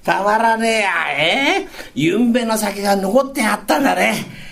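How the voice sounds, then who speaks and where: A male rakugo storyteller playing a gruff, hard-drinking Edo fishmonger husband, with old speech. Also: sits high, normal speed, fairly bright tone. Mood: tipsy, boastful. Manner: gruff, boisterous, blustering.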